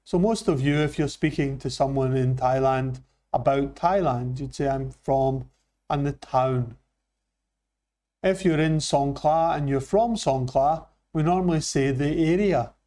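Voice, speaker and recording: A man from Scotland with a Scottish accent, teaching an English lesson with slow, careful delivery. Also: medium pitch, dark tone. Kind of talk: classroom lesson.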